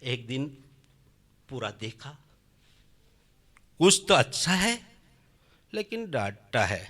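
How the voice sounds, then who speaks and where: A middle-aged man tells his personal testimony in a rambling, emotional way. His voice sits somewhat high and sounds very bright and ringing. He swings from quiet, low asides to loud, rising bursts. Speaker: church member giving testimony.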